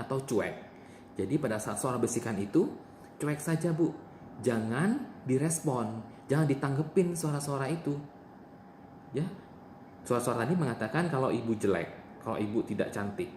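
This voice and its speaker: A man's voice: medium pitch, animated, moderate pace, long pauses, a little mellow. A man playing a nurse in a role-play demonstration, patiently repeating the patient's answers back to her. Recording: echoey room with faint noise.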